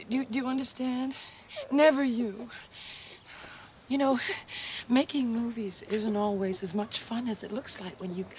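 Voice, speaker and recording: An actress playing a troubled, volatile woman film star in a film drama, flaring up and then softening. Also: on the high side, a little hiss or hum. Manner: emotional, quick to flare up and then soften.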